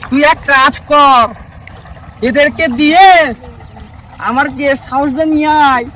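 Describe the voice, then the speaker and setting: A man playing a lecherous, greedy middle-aged village landlord in a comic sketch, with a high drawling voice. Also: fairly even intonation, measured pace, background noise. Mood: leering. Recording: loud music under the voice.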